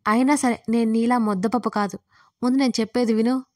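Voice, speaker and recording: A woman voicing a mischievous young female friend who teases and chatters excitedly. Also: fairly high pitch, fast talker, no room sound, studio quality, close to an everyday voice. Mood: teasing.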